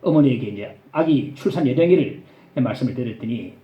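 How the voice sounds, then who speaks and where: A male pastor with a Gyeongsang accent, preaching a sermon in church and telling stories with animated emphasis. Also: mid-range voice, a little fast, reverberant, highs cut off. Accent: Gyeongsang Korean.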